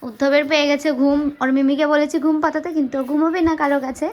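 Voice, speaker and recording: A woman's voice: sits high, flat delivery, rapid-fire, dull audio, a little hiss or hum. A woman with a Bengali accent giving chatty, teasing running commentary as she cooks at home and films a vlog. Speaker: vlogger. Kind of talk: casual vlog narration while cooking. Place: home kitchen and outdoor yard.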